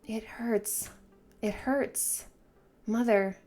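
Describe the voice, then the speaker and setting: A woman voicing a deceitful demon girl from a manga who feigns innocence, soft and plaintive. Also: a little high, fairly even intonation, drawn-out words, pitched above the performer's own voice.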